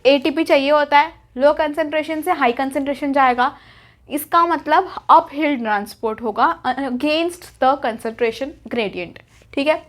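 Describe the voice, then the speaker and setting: A woman's voice: high voice, unhurried. A young woman teaching a biology lesson at a whiteboard, chatty and repetitive, asking questions and answering them herself. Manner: chatty, repeats key terms, asks and answers herself.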